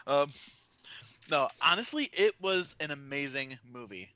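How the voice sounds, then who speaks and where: A man's voice: on the high side, animated, unhurried, pushed and bright, no echo, muffled recording. A man guesting on a casual podcast, talking in a laid-back, friendly way. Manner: laid-back, friendly, says dude a lot.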